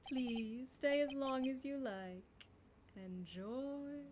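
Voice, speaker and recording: Woman voicing a chirpy, old-fashioned bellhop, slow and formal. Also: sits high, background noise. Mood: courteous, servile. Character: polite formal hotel bellboy, young man, servile.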